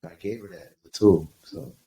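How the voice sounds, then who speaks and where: A man from Tucson, Arizona, a guest author, talking in a relaxed, reflective way on a podcast. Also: sits low, fairly quick. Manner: reflective, easygoing, uses "you know" a lot. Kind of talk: casual podcast interview. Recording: echoey room with faint background noise.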